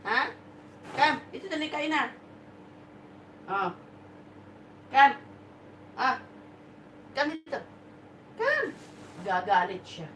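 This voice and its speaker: A woman's voice: sits high, animated, takes it slowly, long pauses, fairly bright tone, recorded from a distance. Woman coaxing her dog, echoey. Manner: coaxing, switching between Tagalog and English. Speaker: live-stream host talking to her dog. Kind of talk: casual live-stream chat, coaxing a pet. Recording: echoey room, phone mic from afar, background noise.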